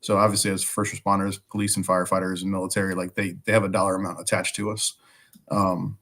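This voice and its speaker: A man chatting casually as a guest, his voice raspy like a smoker's and hoarse from bronchitis, as he fights back a cough. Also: lowish voice, a bit bright. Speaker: guest, firefighter and podcaster. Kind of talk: casual chat.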